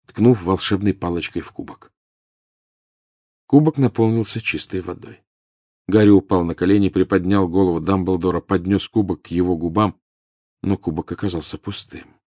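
A man reading scripted audiobook narration in a steady, measured way. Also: low-pitched, no room sound, studio quality.

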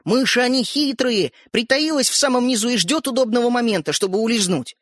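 A man doing an excited bossy boy. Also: very high voice, brisk, dry recording, clean studio sound, pitched above the performer's own voice. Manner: bossy, breathless, insistent. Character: excitable boy, eager schemer.

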